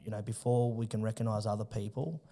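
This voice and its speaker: A low-voiced man from Australia speaks as a podcast guest. His tone is mellow and dark, and he talks earnestly, stumbling and restarting his sentences. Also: flat delivery. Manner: earnest, halting, repeats words. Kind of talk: casual podcast conversation.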